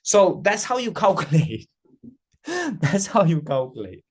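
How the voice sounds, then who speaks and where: A man giving a live-streamed trading lesson, animated and repeating phrases for emphasis as he acts out an anxious investor's worries. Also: fairly high pitch, unhurried, breathy edge. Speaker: trading mentor.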